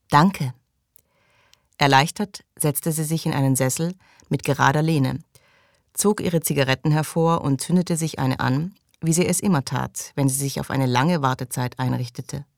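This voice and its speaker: Female audiobook narrator, calm, very deep voice, dry booth sound. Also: moderate pace, vocal fry, no echo. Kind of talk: scripted narration.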